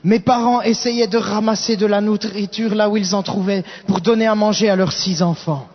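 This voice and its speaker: A man's voice: sits high, fairly even intonation, normal speed. A man interpreting a sermon live, echoing the preacher's rising intensity with small restarts. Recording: echoey hall, dull sound.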